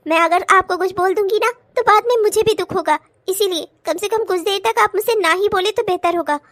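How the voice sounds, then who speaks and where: A woman's voice: very high-pitched, brisk, no echo. [name], woman voicing a fed-up young wife. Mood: upset. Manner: sharp scolding. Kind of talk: cartoon voice acting.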